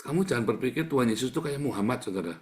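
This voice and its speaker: A man's voice: mid-range voice, expressive, racing. A man preaching a sermon in a conversational, emphatic way, repeating words for stress.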